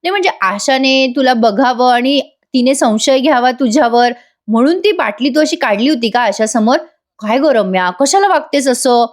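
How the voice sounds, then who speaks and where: Brief: fretful, exclaiming older mother, high and lively, read out by a woman reviewer. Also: normal speed. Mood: suspicious. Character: scheming older mother, dramatic and fussy.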